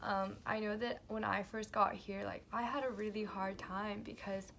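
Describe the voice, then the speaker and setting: A young woman musing aloud in a reflective vlog, soft-spoken and halting, her words padded with fillers. Her voice carries a steady gravelly fry, with a faint hum of room noise underneath. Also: mid-range voice. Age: young adult. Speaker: college student vlogger.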